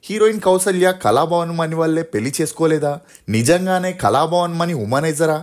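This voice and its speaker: A man's voice: a little high, expressive, fairly quick. A man narrating a scripted true-story video, opening with dramatic questions to hook the viewer.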